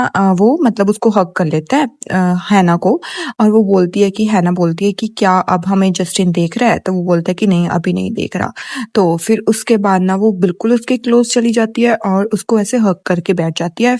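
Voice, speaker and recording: A woman's voice: mid-range voice, dark tone, no room sound, studio quality. A young woman casually retelling a romance drama, chatty and full of fillers, reading out the characters' lines in her own voice. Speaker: story recap narrator.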